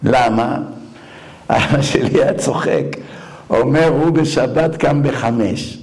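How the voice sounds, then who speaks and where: A man giving a Torah lecture, telling animated stories with mocking asides and acted-out voices. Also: mid-range voice. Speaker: rabbi lecturer.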